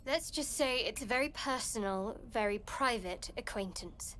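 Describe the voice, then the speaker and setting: An actress playing a guarded, pragmatic adventurer in a fantasy game, cool and curt. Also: female voice, on the high side, expressive, normal speed, fairly bright tone, a little hiss or hum. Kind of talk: video game character dialogue.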